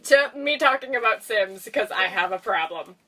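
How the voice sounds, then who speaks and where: A woman's voice: medium pitch, expressive, normal speed, far from the mic, background noise. A woman casually reviewing a movie in a chatty, giggly way, full of fillers. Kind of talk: casual chat.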